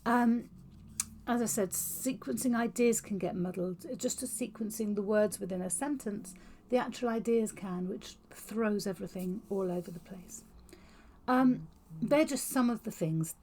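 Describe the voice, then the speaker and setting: A woman explaining to camera in an informal lesson, talking fast with clear, exaggerated mouth movements. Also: medium pitch, a little mellow, a little hiss or hum. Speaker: educator on auditory processing. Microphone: talking to camera on video.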